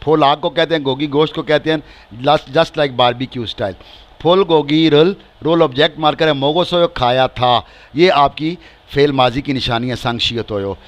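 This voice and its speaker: A man with a Pakistani accent teaches a beginner language class in a slightly high voice. He talks slowly and patiently, drawing out each word and repeating phrases with their translations. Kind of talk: spoken language lesson.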